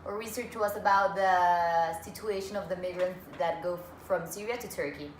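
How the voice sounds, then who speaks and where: A woman's voice: on the low side, moderate pace. A woman in her twenties from Colombia and Mexico giving a student class presentation, hesitant, with restarts and fillers. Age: 20s. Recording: echoey room, far from the mic, faint noise.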